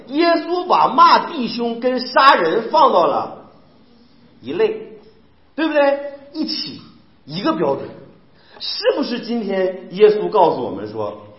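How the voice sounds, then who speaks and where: A male preacher from Northeast China with a Northeastern Mandarin accent, preaching emphatically and firing rhetorical questions at the congregation. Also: high-pitched. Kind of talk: sermon. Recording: echoey, dull lo-fi sound.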